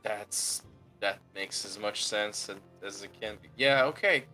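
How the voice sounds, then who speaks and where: A man's voice: on the low side, unhurried, pushed and bright, rough recording. A man role-playing casually at a tabletop game in a hesitant slacker manner. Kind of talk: casual in-character role-play. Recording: music under the voice.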